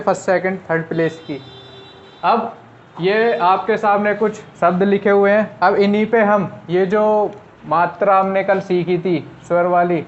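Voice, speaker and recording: High-voiced young man teaching shorthand. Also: a little hiss or hum. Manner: step-by-step explaining, asks and answers his own questions. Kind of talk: online classroom lesson. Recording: dull lo-fi sound.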